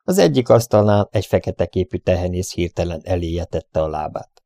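A man narrating an adventure audiobook in an even storytelling manner. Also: low-pitched, no room sound, studio quality. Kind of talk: scripted narration.

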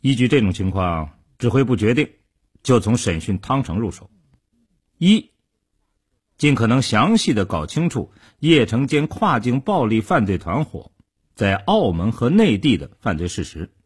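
Dramatic male radio storyteller, husky tone. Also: medium pitch, very animated, a little slow. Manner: dramatic, acts out the characters' quoted lines. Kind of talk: scripted narration of a true-crime serial. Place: radio studio.

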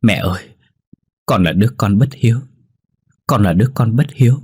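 A man's voice: fairly low pitch, expressive, moderate pace, darkish tone, husky. A man voicing a terrified grown son who pleads desperately with his dead mother. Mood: muttering.

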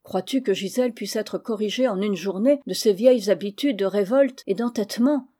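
A calm, reassuring uncle, gently firm and patient, as a woman reads him aloud. The voice is mellow and warm, and the delivery stays even in a storybook reading. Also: mid-range voice, normal speed, natural voice. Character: kind, wise middle-aged uncle, a steady comforter. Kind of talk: audiobook reading of a classic novel.

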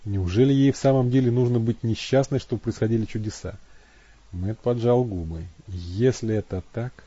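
Mellow husky male audiobook narrator. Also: medium pitch, moderate pace, lo-fi sound. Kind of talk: scripted narration.

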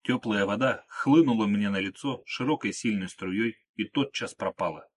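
The first-person audiobook is read by a man whose voice is deep and husky. Calm and measured, his delivery never speeds up or wavers.

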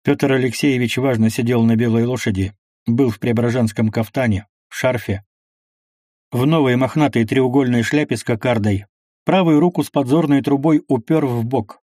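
A man's voice: mid-range voice, normal speed, dark tone, no echo, studio quality. Man reading a historical novel aloud. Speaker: audiobook reader. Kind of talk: audiobook narration.

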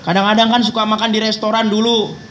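A man's voice: high-pitched, level tone, fast, fairly bright tone. A male preacher giving a folksy, joking sermon in a mosque, teasing listeners directly. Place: mosque hall. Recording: distant mic with faint traffic noise.

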